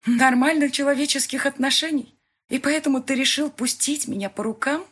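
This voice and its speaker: A woman's voice: lowish voice, expressive, unhurried, husky, heavily acted. Woman voicing a distraught, pleading young heroine. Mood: screaming. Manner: pleading, tearful.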